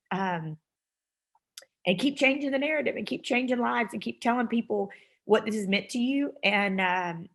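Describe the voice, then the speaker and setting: A woman's voice: mid-range voice, a bit bright. Emotional encouraging woman hosting a call. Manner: emotional, encouraging, talks in long run-on thoughts. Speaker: host of a mentoring call. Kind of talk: heartfelt casual talk on a video call. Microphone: video call.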